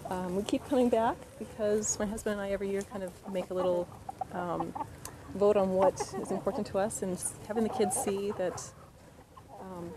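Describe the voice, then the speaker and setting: A woman's voice: medium pitch, fairly even intonation, normal speed, background noise. A woman in her thirties, a farm customer, answering interview questions outdoors in a chatty way with many ums. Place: outdoors in a garden.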